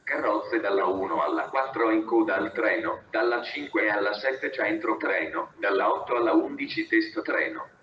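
A man making a flat, formal station announcement in a scripted, segmented delivery. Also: fairly low pitch, normal speed, hardly any pauses. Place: over a railway station PA. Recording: echoey, dull, noisy station loudspeaker.

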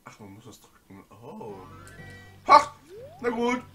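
A man giving jokey, animated commentary while playing a game. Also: medium pitch, takes it slowly, music in the background. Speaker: let's play gamer. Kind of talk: casual gameplay commentary.

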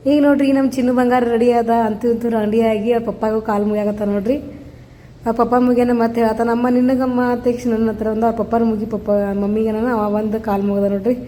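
A woman's voice: a little high, level tone, brisk, warm tone, a little hiss or hum. A mother with a North Karnataka Kannada accent narrating a casual vlog into her phone, chatty and always pointing things out to viewers. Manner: chatty, keeps saying "see" to viewers. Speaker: mother vlogger.

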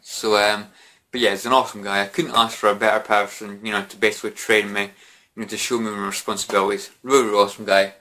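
A man's voice: lowish voice, flat delivery, fast, sharp tone, slight background noise. A young British man, drunk, chatting casually in a rambling, repetitive way to camera, often saying "you know". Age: young adult. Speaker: vlogger. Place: small bedroom at home.

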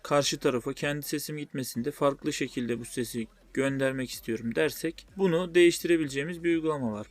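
Male tutorial host, fairly high voice, step-by-step spoken explanation, dry close sound. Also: no echo. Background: music.

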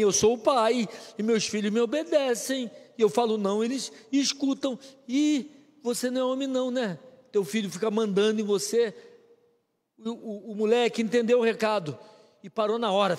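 Brazilian male pastor, emphatic sermon, high voice, reverberant church hall. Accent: Brazilian Portuguese. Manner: emphatic preaching with repeated short commands. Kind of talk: live-streamed sermon. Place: church sanctuary.

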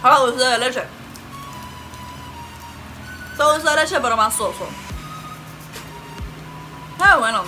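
A woman's voice: high voice, lively intonation, a little slow, pushed and bright, low-quality recording. A young woman vlogger chatting casually as she tastes snacks, talking with her mouth full and slipping English words into her speech. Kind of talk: casual snack-tasting vlog. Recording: music under the voice.

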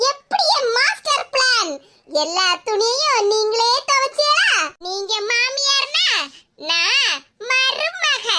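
A smug cheeky daughter-in-law. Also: female voice, extremely high pitch, exaggerated voice. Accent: Tirunelveli Tamil. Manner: teasing, smug, drawn out. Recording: loud background noise.

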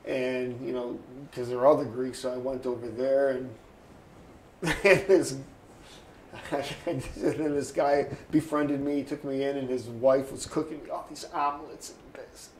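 A man's voice: mid-range voice, steady tone, a little slow, a little mellow. A man in his sixties telling stories in an oral history interview, rambling and acting out other people's voices. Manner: rambling storyteller, acts out quoted voices. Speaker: interviewee, photographer. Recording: echoey room, faint ambient noise.

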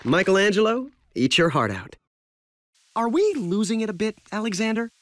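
A man's voice: high voice, sing-song. A quipping teenage superhero from a cartoon, tossing off sarcastic banter. His voice swings up and down a lot as he jokes. The clip carries an audible layer of background noise. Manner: quick joking banter, sarcastic quips. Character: wisecracking teenage male superhero. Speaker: voice actor.

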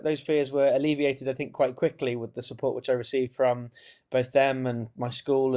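A man speaks over a webcam from a small room at home. His pitch is middling, and he tells his story in a frank, relaxed way, with the odd light laugh. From Romania. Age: 30s. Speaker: interview guest. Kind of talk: recorded video-call interview. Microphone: webcam on a video call.

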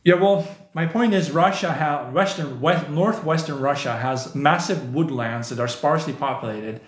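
A man's voice: a little high, moderate pace. Guy rambling on his stream, lots of "you know", kinda echoey room. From southern Netherlands. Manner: rambling, opinionated, many "you know" fillers. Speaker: live stream host. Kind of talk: casual live stream chat reading viewer comments.

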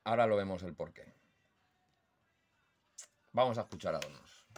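This instructor speaks in a deep, expressive voice, with a little hiss or hum in the recording. Teaching how songbird calls are judged, he talks slowly and deliberately in a Spanish (Spain) accent and mimics the bird calls himself.

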